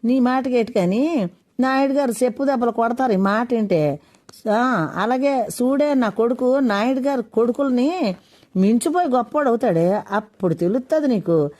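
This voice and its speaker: A woman's voice: a little high, expressive, normal speed, darkish tone, voice pushed up, close to an everyday voice. A woman voicing a poor farmhand husband who boasts proudly about his son's future. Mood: boastful.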